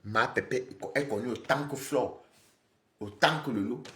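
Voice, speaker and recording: A man live streaming, scolding and lecturing his viewers in an animated, repetitive rant. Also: medium pitch, a little slow, echoey room. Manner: scolding, animated, repeats himself, talks straight to viewers.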